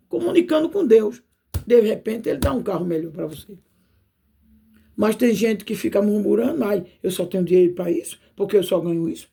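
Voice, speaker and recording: A woman's voice: on the high side, vocal fry, a little mellow, husky. A woman with a Brazilian Portuguese accent giving an informal video sermon. She speaks in a folksy way and keeps checking in with tag questions to the listener. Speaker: preacher.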